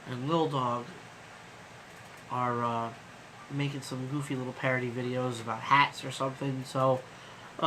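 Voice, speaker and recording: A man's voice: mid-range voice, pushed and bright, a little hiss or hum, low-quality recording. A man hosting a casual live stream as a trucker, rambling loosely with lots of fillers and casual swearing, sleepy and yawning.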